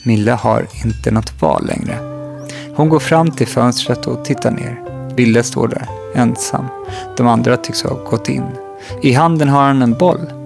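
A man reading a children's book aloud in a calm, even storytelling manner. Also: medium pitch, creaky, music in the background. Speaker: audiobook narrator.

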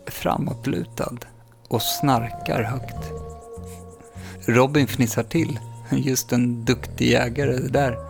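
A man calmly reading a story aloud with measured pacing and dramatic pauses, with music playing underneath. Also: mid-range voice, vocal fry. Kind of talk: scripted story narration.

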